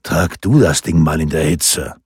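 Man voicing a gruff bitter bar regular. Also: very deep voice, measured pace, darkish tone, no room sound, studio quality, voice pushed down, heavily acted. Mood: angry. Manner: curt and bristling.

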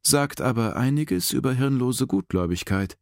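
Man doing a woman chief inspector, sarcastic, defiant, bored, higher-pitched voice, dry close audiobook sound. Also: lively intonation, moderate pace, dry recording, close to an everyday voice.

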